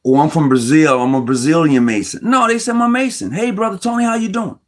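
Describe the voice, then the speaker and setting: A fast-talking man with a somewhat high voice hosts a casual conversation about Freemasonry. He makes his case with emphasis, frequently starting his words over as he argues.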